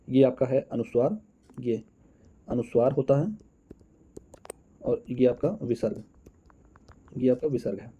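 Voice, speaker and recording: A man's voice: medium pitch, mellow, husky, dull audio. A man teaching an exam-prep lesson, counting out answers aloud and calling his viewers friends.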